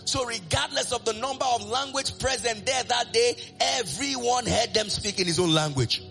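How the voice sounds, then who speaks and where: A man preaching a sermon, animated and sing-song, asking the congregation call-and-response questions. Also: extremely high pitch, moderate pace, creaky, soft background music.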